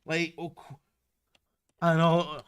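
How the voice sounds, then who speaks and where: A man's voice: fairly high pitch, little pitch movement, slow, smooth. A man streaming live and ranting heatedly, swearing and repeating himself for emphasis. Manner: profane, repetitive, heated ranting.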